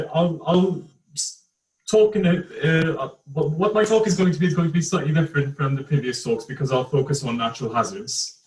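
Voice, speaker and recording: Hesitant man on a roomy, distant call. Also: mid-range voice. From Turkey. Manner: hesitant, many fillers and restarts. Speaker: engineer, panel speaker. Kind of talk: online presentation. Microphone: video call.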